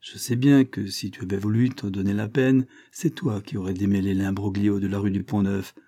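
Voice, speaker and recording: A man's voice: lowish voice, little pitch movement, normal speed, mellow, voice pushed down. A man voicing Michel, an earnest, worried friend who pleads solemnly and gets worked up, in a read-aloud novel.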